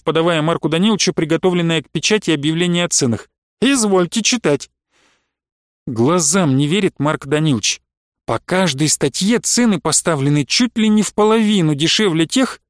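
Man reading a story aloud, steady narration, kinda high voice. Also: no room sound, clean studio sound. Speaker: audiobook narrator. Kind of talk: scripted narration.

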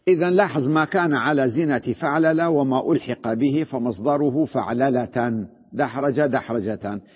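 A man's voice: medium pitch, a little fast, breathy edge. A sheikh teaching Arabic grammar in a classroom lecture, explaining step by step, repeating terms and checking whether his students follow. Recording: dull recording with long hall reverb.

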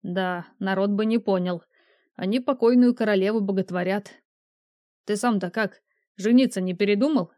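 A woman's voice: medium pitch, moderate pace, darkish tone, dry recording, clean studio sound, close to an everyday voice. A woman reading an audiobook, voicing a jovial young man who jokes and laughs easily with his friend. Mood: joking. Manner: laughing, easygoing. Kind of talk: audiobook character voice.

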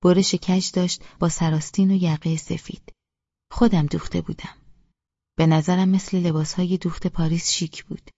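A woman's voice: fairly low pitch, little pitch movement, dark tone, no room sound, lo-fi sound. A woman narrating a first-person audiobook with a wry, self-deprecating storytelling manner.

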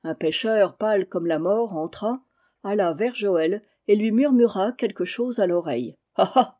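A woman reading a novel aloud in a steady, measured storytelling manner. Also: mid-range voice. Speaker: audiobook reader.

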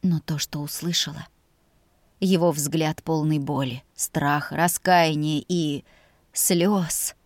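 A woman narrating a story in the first person with a measured, emotional reading. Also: low-pitched, fairly even intonation, dry recording. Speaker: audiobook narrator.

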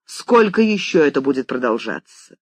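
A reader voicing a flustered young male writer who stammers and talks too loud in an audiobook. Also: medium pitch, big pitch swings, normal speed, slightly rough, dry recording. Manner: stammering, overeager, shouting.

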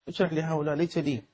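A male sheikh teaches Shafi'i law in an interactive classroom lesson, his voice on the high side with a darkish tone. He frequently quizzes his students and stretches out key words for emphasis.

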